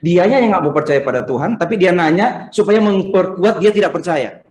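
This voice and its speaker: A man's voice: sits high, lively intonation, brisk, a little mellow. A man preaching a Sunday sermon, firing off rhetorical questions and acting out the people who question him. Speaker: pastor. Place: church. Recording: roomy church sound over video call.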